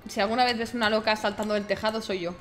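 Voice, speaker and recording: A woman with an accent from Spain improvising casual role-play in an online game, blunt and quick to swear. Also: medium pitch, steady tone, fairly bright tone, soft background music.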